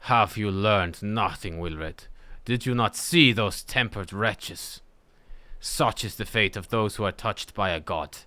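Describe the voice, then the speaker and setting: A man's voice: lowish voice, slow, bright, forceful tone, dry recording, pitched below the performer's own voice. A man voicing a stern, protective elder of a refugee people in a fantasy game, grave and formal. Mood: grave, reproving.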